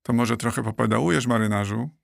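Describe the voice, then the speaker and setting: A man voicing a small, practical female animal friend in an audiobook, with a lively, wondering manner. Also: mid-range voice, quick pace, creaky, no echo, studio quality. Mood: teasing.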